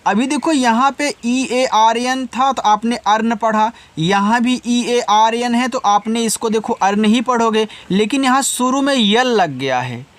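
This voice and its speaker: A man teaching English words letter by letter, spelling slowly, then explaining patiently and answering his own questions. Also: very high-pitched, a bit bright, dry recording. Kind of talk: Hindi-language spelling lesson.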